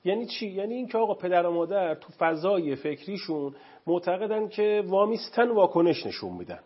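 A man's voice: high voice, breathy edge. A man explaining parenting styles on a talk show in a lecturing way, listing ideas and giving everyday examples. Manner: animated, lecturing with lists and examples. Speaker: family counseling guest expert. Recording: dull lo-fi broadcast sound.

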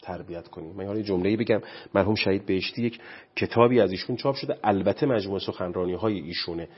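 A man's voice: fairly low pitch, breathy edge, lo-fi sound. A man speaking as a guest on parenting, preachy and impassioned, often quoting scripture. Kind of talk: animated studio talk.

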